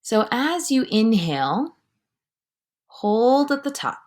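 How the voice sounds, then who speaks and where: A woman leading a guided breathing meditation with calm, measured instruction, her words often trailing off into a breathy near-whisper. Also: a little high.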